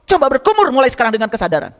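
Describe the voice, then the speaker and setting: A man preaches in a strikingly high voice, teaching his congregation in an easy, conversational way. He repeats phrases for emphasis and keeps turning to his listeners with rhetorical questions. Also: wildly swooping pitch, rapid-fire. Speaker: religious teacher. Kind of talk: sermon.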